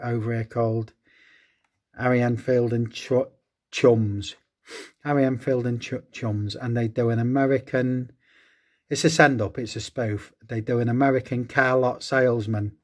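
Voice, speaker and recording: A man chats casually through an unboxing. His pitch is middle-of-the-road for a man, and he keeps up a warm stream of admiring exclamations over each item. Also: little pitch movement, moderate pace. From England. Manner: enthusiastic, fond exclamations. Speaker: host of a diecast collecting channel.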